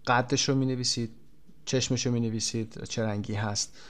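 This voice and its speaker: A man at a middle pitch, teaching an English lesson in Persian. He reads English example words slowly and clearly, then explains them in Persian. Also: fairly even intonation, a bit bright. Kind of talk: classroom language lesson.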